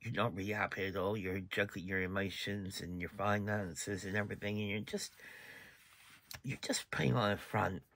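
A man's voice: fairly low pitch, steady tone, moderate pace, gravelly, fairly bright tone. A man giving a casual tarot reading, chatty, sometimes dropping to a whisper and apologizing for yawning. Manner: chatty, breaks off to yawn and apologize. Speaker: tarot reader.

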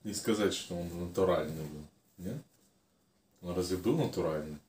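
A deep-voiced man chats casually over food, chewing as he talks. His tone is dark and relaxed, his phrasing halting. He is recorded in an echoey room. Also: distant mic. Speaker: co-eater answering questions. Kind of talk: casual chat while eating. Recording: roomy echo, some background noise.

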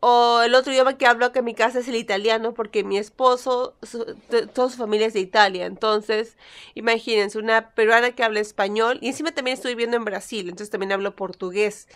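A woman's voice: fairly high pitch, fairly even intonation, quick pace, clear, resonant tone. A young Peruvian woman with a Spanish accent that carries some Mexican touches, chatting playfully to camera and answering critics with mock sweetness. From Peru. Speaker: vlogger. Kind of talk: casual chat to camera.

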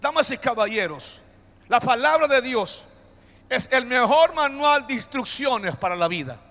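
A man's voice: very high voice, animated, a little slow, vocal fry, a bit bright. A man preaching a sermon as pastor, joking with the congregation and calling them to repeat after him. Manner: preaching with call-and-response to the congregation; jokey, playful asides. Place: church hall. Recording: long hall reverb.

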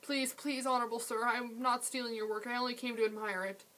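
A woman's voice: on the high side, fairly even intonation, quick pace, pushed and bright, voice pushed up. A woman reading aloud, voicing a poor young boy who answers respectfully and pleads. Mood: pleading. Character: poor young beggar boy, humble and proud.

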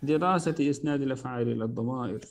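A man's voice: mid-range voice, very fast. A man teaching Arabic verb conjugation, patiently drilling forms one by one and correcting himself and his student aloud. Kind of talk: correcting homework in an online lesson.

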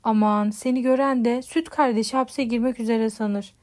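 A woman's voice: on the high side, steady tone, normal speed, darkish tone, natural voice. A woman voicing a laid-back, teasing man in an audiobook. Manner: teasing, offhand. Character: laid-back grown man, mocking lawyer friend.

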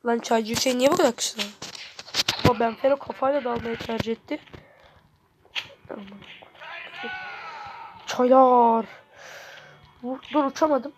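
A woman commenting live on her gameplay as a gaming channel host, excitable and frustrated, swearing constantly at the game. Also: sits high, a little hiss or hum.

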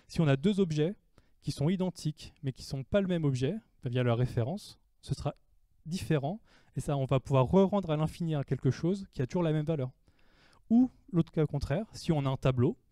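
A man's voice: a little high, mellow, dry recording. A man giving a technical talk at a developer meetup, explaining code step by step and answering his own questions. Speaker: conference speaker. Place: meetup room before an audience.

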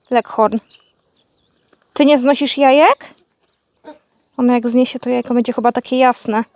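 A woman's voice: a little high, a little mellow. Chatty young woman scolding her pets. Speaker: vlogger. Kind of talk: casual vlog chat to her animals. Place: outdoors on a farmyard.

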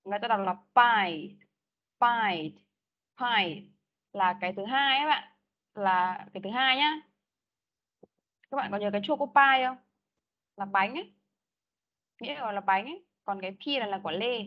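A woman's voice: on the high side, moderate pace, pauses often. A woman teaching an online English class, patiently repeating prompts and correcting pronunciation. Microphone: video call. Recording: dull lo-fi call audio.

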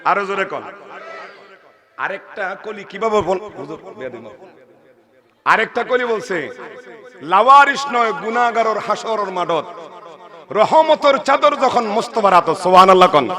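High-voiced Chittagonian preacher rousing a crowd. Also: male voice, lively intonation. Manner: calls on the crowd to respond, breaks into slow chanting. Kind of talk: Islamic sermon with chanted devotional verses. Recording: loud crowd, live event sound.

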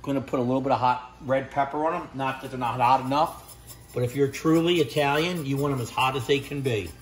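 The audio is poor as a home cooking vlogger in his fifties talks a little fast in a steady, mid-range voice, filming on a handheld phone. Moving from his indoor kitchen to an outdoor deck grill, he raves about fresh ingredients, repeats his catchphrases, and sniffs and tastes the food while he talks.

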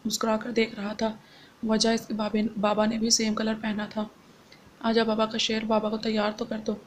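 A woman narrating a romance novel in a scripted, even, unhurried reading. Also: a little high, a little hiss or hum. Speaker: audiobook narrator.

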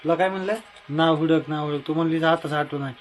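A man's voice: a little high, fairly even intonation, fast talker, a little hiss or hum. A young man from Maharashtra, a family vlogger, chatting casually and repetitively to his viewers outdoors by his house on a phone camera. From Maharashtra, India. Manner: chatty and repetitive, often calling loudly to his wife. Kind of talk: casual vlog talk to viewers.

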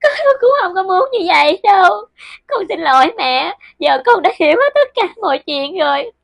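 A woman's voice: mid-range voice, brisk, sharp tone. A woman voicing the ghost of a wronged teenage twin girl, speaking in a tearful, pleading way. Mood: tearful remorse. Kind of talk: web series drama acting.

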